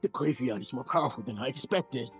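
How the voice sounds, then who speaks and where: A man's voice: mid-range voice, animated, a little fast, soft background music, natural voice. A melodramatic schoolboy, played by a man, who believes he is an anime hero. He delivers a grand, self-serious monologue in a comedy skit. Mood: grave.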